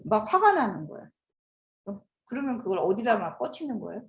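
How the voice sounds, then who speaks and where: Brisk and medium-pitched, this fifty-something woman lectures a class in an animated way, often turning questions to her audience. The lecture room sounds echoey and the audio slightly dull.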